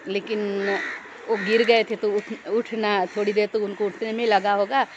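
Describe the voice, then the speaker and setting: A woman's voice: mid-range voice, level tone, normal speed. A young woman telling a story in a casual vlog, rambling and repeating herself, growing tense as she recalls a scare. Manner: rambling, repeats and restarts phrases. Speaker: vlogger. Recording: dull lo-fi recording with loud background noise and crows.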